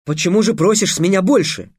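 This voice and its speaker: Мужчина-чтец озвучивает гордого, вспыльчивого мальчика-ученика мага, громко восклицающего в обиде. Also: male voice, sits high, breathy edge, no room sound, studio quality, pitched above the performer's own voice. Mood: upset. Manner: exclaiming, quick to take offence. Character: proud, indignant teenage boy apprentice mage.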